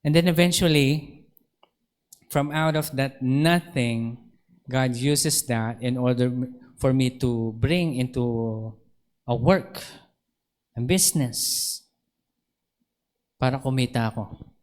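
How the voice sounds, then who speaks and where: A man's voice: medium pitch, slow, pauses often. A male pastor with a Filipino accent, preaching a storytelling sermon at a church service, laughing often and acting out dialogue. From Philippines.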